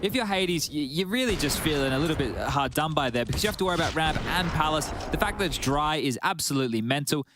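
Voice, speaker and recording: Guy doing esports analysis live, talks fast, game noise behind. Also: on the high side, animated. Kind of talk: live esports colour commentary.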